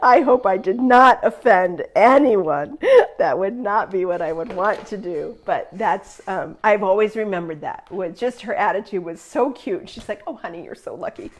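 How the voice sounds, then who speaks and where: A woman's voice: mid-range voice, unhurried. A middle-aged woman teaching a live online quilting class in a chatty, upbeat way, laughing often.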